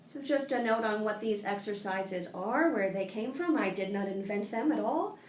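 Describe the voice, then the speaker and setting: Woman voice therapist, calm instructional delivery, tablet recording in an echoey room. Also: medium pitch, moderate pace, recorded from a distance, slight background noise. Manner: calm explanatory, demonstrates sung vocal sounds. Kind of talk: instructional voice exercise lesson. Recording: roomy tablet recording with faint ambience.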